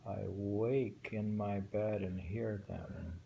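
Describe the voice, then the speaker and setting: A New York man reads translated poems aloud casually and muses on them, hesitant and thinking aloud. His voice is lowish and dark with vocal fry, fairly even in intonation, and he takes it slowly. Faint background noise sits in the recording.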